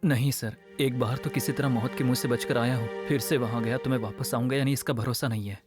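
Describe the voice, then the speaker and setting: A man's voice: mid-range voice, steady tone, fast, close to an everyday voice. An actor dubbing a frightened young man who speaks hesitantly to an officer. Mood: fearful. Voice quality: hesitant, fearful. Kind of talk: dubbed film dialogue. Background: film score music.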